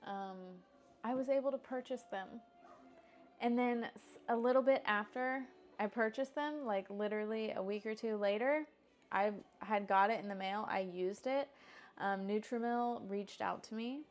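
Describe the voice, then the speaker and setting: A woman's voice: mid-range voice, a little mellow. A woman in her thirties from the United States, chatting casually to camera in a home vlog. She is upbeat, laughs often and restarts her sentences. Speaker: homestead vlogger.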